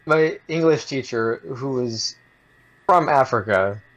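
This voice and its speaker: Young dude on a podcast, rambly storyteller, swears a bunch, keeps restarting. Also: male voice, mid-range voice, expressive, slow, fairly bright tone, no room sound, rough recording. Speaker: podcast co-host. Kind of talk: casual chat.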